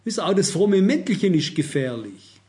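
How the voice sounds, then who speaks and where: Older male preacher, fairly high voice, earnest and cautionary, hammers points home by repeating them. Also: very animated, moderate pace, a little mellow. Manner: earnest, warning, repeats phrases for emphasis. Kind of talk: sermon.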